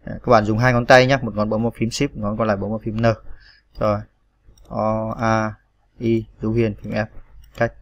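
A man's voice: fairly low pitch, level tone, moderate pace, vocal fry, dry recording, studio quality. A man teaching typing step by step, patiently spelling out each key with frequent fillers. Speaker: computer tutorial instructor. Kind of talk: step-by-step screen tutorial.

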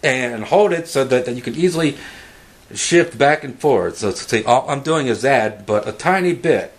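A man in his thirties hosting a woodworking show, casually showing a project step by step with a relaxed, joking manner, recorded on a fixed camera in an indoor workshop. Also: medium pitch, normal speed. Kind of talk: casual how-to demonstration.

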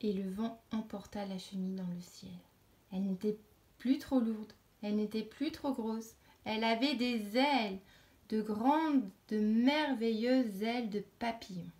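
Lectrice de conte pour enfants, voix chaude et douce. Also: female voice, a little high, measured pace. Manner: gentle, dropping to a hush at bedtime moments. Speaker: storyteller. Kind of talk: reading a children's story aloud.

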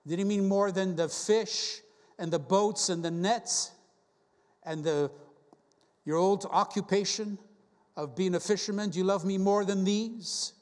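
A man's voice: high voice, steady tone, a little slow, a little mellow, in a large hall. A man preaching a sermon as a guest preacher, earnest and full of rhetorical questions as he quotes scripture. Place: church sanctuary.

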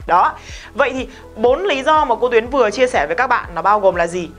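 Patient woman teaching pronunciation, with faint music. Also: fairly high pitch. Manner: explains patiently, repeats example words slowly, asks rhetorical questions. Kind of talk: casual video lesson.

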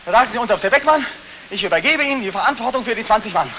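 An actor playing a haunted soldier back from war, tormented, swinging between strained cries and hushed whispers, in 1940s film acting. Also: male voice, lowish voice, expressive, normal speed, poor audio. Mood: agitated. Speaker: war returnee Beckmann. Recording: hissy old 1949 film soundtrack.

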